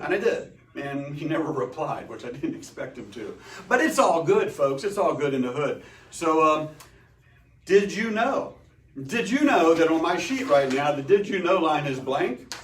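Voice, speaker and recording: A man's voice: far from the mic, slight background noise. Rambling man livestreaming off-mic in an echoey room. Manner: rambling, jokey, pitch swinging up and down. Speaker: host of a dealership live show. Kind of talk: solo livestream chat. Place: room at a car dealership.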